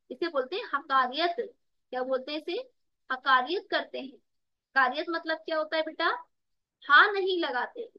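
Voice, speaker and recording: A woman's voice: high voice, no echo, dull audio. A woman tutor giving an online exam-prep lesson, calling students "beta" and repeating words with rhetorical questions to the class. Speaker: Urdu tutor.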